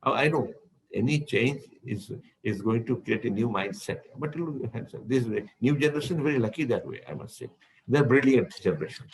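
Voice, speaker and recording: This is a low-quality recording of a man with an Indian English accent, a spiritual teacher addressing devotees online. He speaks fairly quickly at a medium pitch with lively intonation, wandering discursively and repeating words while he looks for what to say next.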